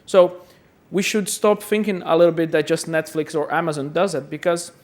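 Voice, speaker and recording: This conference speaker, a Brazilian man, talks at a moderate pace with a fairly high pitch. The talk is casual and self-mocking, and he keeps repeating words while presenting in a conference hall.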